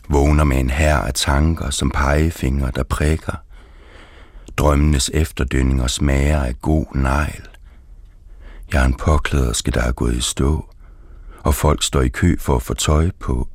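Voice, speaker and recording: A man reading his poetry aloud, slow and deliberate. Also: very deep voice, a little mellow, no echo, clean studio sound.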